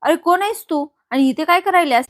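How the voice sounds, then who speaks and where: A woman's voice: extremely high pitch, expressive, a little fast, pitched above the performer's own voice. A woman voicing a scheming young man in a retold serial, pushy and insistent. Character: scheming young man, a factory owner's brother.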